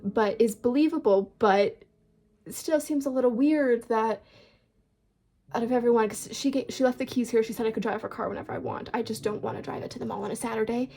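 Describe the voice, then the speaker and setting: A woman's voice: fairly high pitch, fairly quick, warm tone. A young woman, rambling casually through a storytime chat at home, with lots of filler words and swearing. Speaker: book vlogger.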